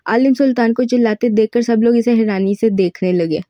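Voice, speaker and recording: A woman narrator reading a romance novel aloud as steady storytelling. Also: a little high, fairly quick, dry recording, studio quality. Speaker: audiobook narrator.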